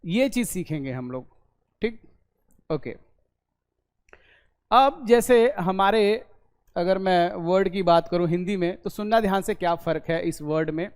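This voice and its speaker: A man teaching a basic language class in a video lesson. He explains slowly, drawing out sounds and checking in after each point. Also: sits high, expressive, clean tone. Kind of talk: online class lecture. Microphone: recorded for a video lesson.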